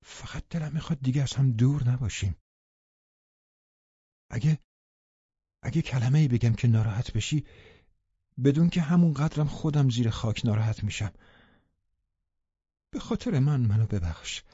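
A bitter, pleading dying young woman, as a male narrator puts her on, speaking softly and with reproach. The voice is mellow and hushed. It comes through a dry, slightly muffled audiobook recording. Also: mid-range voice, lively intonation, long pauses, slightly rough, no room sound. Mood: tender pleading.

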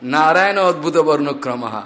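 A male preacher giving a scripture discourse, reciting Sanskrit mantras and telling animated stories. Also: a little high, moderate pace.

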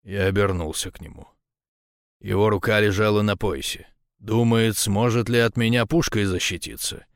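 A man's voice: fairly low pitch, fairly even intonation, moderate pace, no room sound, clean studio sound. Man narrating a tense audiobook. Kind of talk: first-person audiobook narration.

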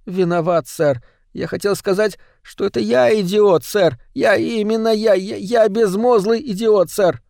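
A man's voice: sits high, unhurried, creaky, hardly any pauses, darkish tone, no echo, clean studio sound, pitched above the performer's own voice. A man voicing a timid, sad male rat creature in an audiobook, meek and stammering. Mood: frightened.

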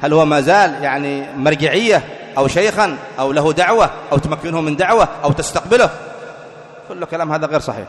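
A man delivers a religious lecture at a brisk clip and in a fairly high voice. He keeps asking rhetorical questions and answering them himself. The recording has a long hall reverb. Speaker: preacher.

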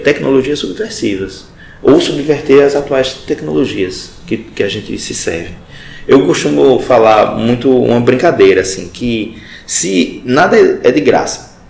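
Man, Recife accent, radio interview guest, thoughtful and halting, with a gravelly voice in an echoey room. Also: medium pitch. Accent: Recife, Brazil. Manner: thoughtful, searching for words, with restarts. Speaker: guest, journalist and professor. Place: community radio studio.

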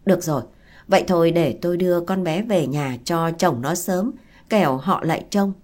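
A woman's voice: on the low side, moderate pace, a little mellow, lightly acted. Woman doing a pushy middle-aged matchmaker. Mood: persuasive.

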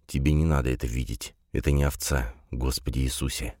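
A man's voice: extremely low pitch, fairly even intonation, brisk, a little mellow, no room sound, clean studio sound, voice pushed down. A man reading aloud, voicing a shaken man who speaks in a breathless near-whisper. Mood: hushed. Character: shaken man, terse and hushed.

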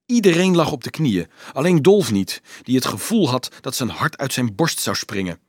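Reading scripted narration at normal speed, a male audiobook narrator uses a mid-range, slightly husky voice. He performs dramatically and expressively, his pitch swinging widely as the story's tension shifts, in a close, dry recording free of room echo.

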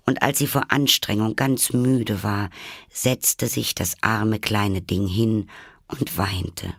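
A man narrating a classic children's story in a measured storytelling manner. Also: on the low side, fairly even intonation, gravelly, fairly bright tone, no room sound, clean studio sound. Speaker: audiobook narrator.

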